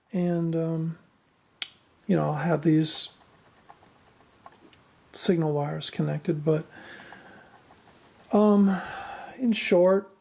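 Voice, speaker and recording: Speaking very slowly and pausing often, a woman with a low, warm voice presents her hobby build in a casual, unscripted way. She sounds hesitant and self-deprecating, and clear machine noise carries through the background.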